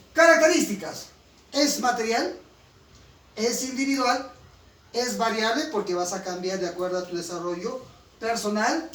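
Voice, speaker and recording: A man's voice: high-pitched, a bit bright. Peruvian guy teaching class, emphatic, keeps checking w/ students, far off in an echoey room. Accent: Peruvian Spanish, from Huancayo. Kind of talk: classroom lecture. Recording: roomy, distant, faint room noise.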